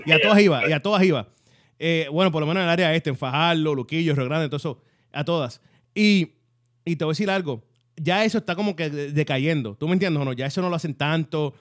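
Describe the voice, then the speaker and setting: Puerto Rican man, quick and high-pitched, animated host, dry close sound. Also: no room sound. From Puerto Rico. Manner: animated, often asks "¿ah?" for agreement. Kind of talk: casual faith chat.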